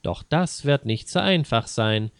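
A man's voice: medium pitch, expressive, a little slow, clean tone, dry recording, studio quality. A man voicing a self-important, easily offended male ghost hunter who speaks grandly. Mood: pompous. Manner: grandiose, indignant.

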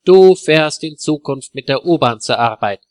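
A man's voice: fairly high pitch, lively intonation, moderate pace, dry recording, studio quality, pitched above the performer's own voice, natural voice. A man voicing an angry young wife in a spoken story, scolding her husband.

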